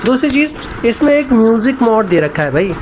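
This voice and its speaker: Man calmly demoing a gadget. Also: extremely high pitch, noisy background. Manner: unhurried, explains step by step, addresses viewers as bhai. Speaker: tech reviewer vlogger. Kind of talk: casual product demo review. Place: indoor room. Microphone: wireless clip mic into phone.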